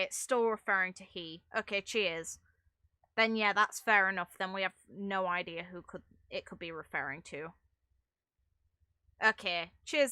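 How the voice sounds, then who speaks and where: Her mid-range voice is sharp yet clean, captured in a dry recording, as she casually chats through a video game stream. She wanders from topic to topic with wry, lightly sweary commentary over game music.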